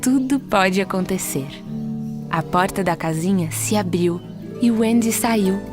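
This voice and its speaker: A woman with a Brazilian Portuguese accent reading a children's storybook aloud in a clear, expressive narrating voice. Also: mid-range voice, unhurried. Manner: clear, expressive storytelling, lifts her voice for characters' lines. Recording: soft music behind.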